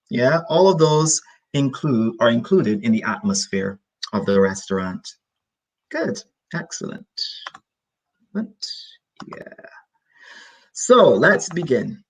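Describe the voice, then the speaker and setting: A man leads an online English class over a video call. His pitch rises and falls a lot, and his voice has a slightly husky grain. He explains patiently, repeating each point and circling back with synonyms. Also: poor audio. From Barbados. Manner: explains slowly with many repetitions and synonyms. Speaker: English teacher.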